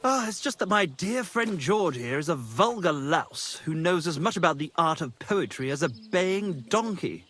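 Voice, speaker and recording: A haughty troubadour poet, all flowery airs and contempt for boors. The voice sits fairly high and swoops about with showy lilt, like a stage scold in a game cutscene. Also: male voice, lively intonation, moderate pace, hardly any pauses, a bit bright. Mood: lofty. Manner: pompous, theatrical, scornful. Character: pompous lovesick male troubadour poet, scornful of boors. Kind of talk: video game cutscene acting.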